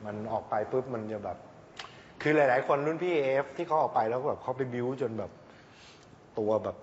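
A man's voice: medium pitch, a little fast, a little hiss or hum. A man, a singing coach, chatting casually and teasing, laughing often and slipping into coarse slang. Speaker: singing coach on a reality show. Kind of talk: casual studio chat. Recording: roomy hall with audience, dull sound.

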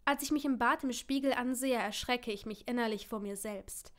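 A woman's voice: on the high side, moderate pace. Emotional woman reading an audiobook. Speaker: audiobook reader. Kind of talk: first-person audiobook narration.

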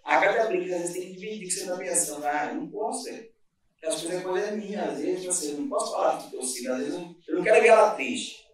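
A man's voice: high-pitched, racing. A man with a Brazilian Portuguese accent, a business owner telling his story in a casual interview, earnest and rambling with many restarts. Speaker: guest, restaurant and bakery owner. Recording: echoey room, mic at a distance.

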